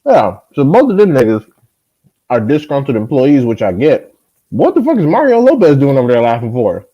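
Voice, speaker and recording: Animated ranting man, dull lo-fi audio. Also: mid-range voice, normal speed, slightly rough. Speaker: podcast guest. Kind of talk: casual profane chat.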